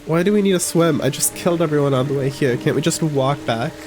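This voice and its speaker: A man's voice: a little high, quick pace, music in the background. A man streaming a game live, giving wry, joking, chatty commentary.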